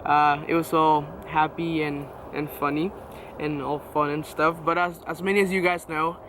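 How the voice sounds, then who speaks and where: A nineteen-year-old Venezuelan man, a native Spanish speaker with a Venezuelan accent, appears as a guest and casually tells his faith testimony, full of fillers and restarts. His voice is a little high, his tone level and speed normal, with background noise present.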